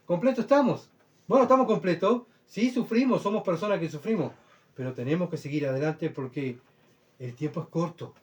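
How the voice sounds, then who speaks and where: Preaching briskly and emphatically, this pastor has a voice pitched slightly above the typical male range. His sermon shifts between loud, pleading outbursts and hushed asides, full of rhetorical questions and frequent checks that his audience is keeping up.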